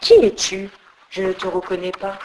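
A woman's voice: mid-range voice, completely flat delivery, normal speed, warm tone, a little hiss or hum, lightly acted, low-quality recording. A woman voicing a proud, stubborn old male philosopher who grumbles and stands defiant. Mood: grumbling. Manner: gruff, grumbling.

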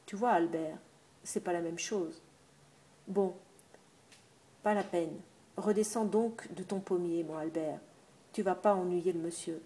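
A woman's voice: fairly low pitch, fairly even intonation, measured pace, long pauses, dark tone, close to an everyday voice. A woman voicing a talkative older countrywoman, an innkeeper's wife with homely familiar speech. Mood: chatty.

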